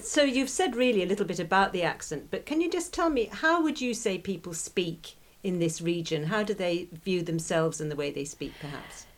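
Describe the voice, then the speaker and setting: A woman's voice: on the low side, expressive, moderate pace, hardly any pauses. A woman interviewing, asking questions with a few hesitant ums.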